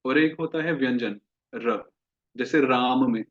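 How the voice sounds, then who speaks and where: A man teaching Sanskrit pronunciation in a classroom lesson, drawing out each word slowly and asking his listeners questions as he explains. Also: medium pitch. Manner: slow, drawn-out demonstration of each word. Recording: dull lo-fi recording.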